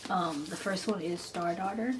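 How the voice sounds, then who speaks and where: A woman with a slightly low-pitched voice talks through books as a chatty, gushing reviewer. She is informal and enthusiastic, repeating words for emphasis. There is noticeable noise behind her voice. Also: moderate pace. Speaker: book reviewer and vlogger.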